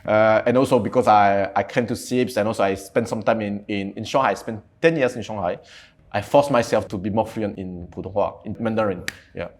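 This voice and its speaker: This podcast guest is an entrepreneur in his thirties from French Guiana who grew up speaking Cantonese and French, and he has a French accent. His voice sits on the low side, steady and a little quick, as he chats casually in the interview.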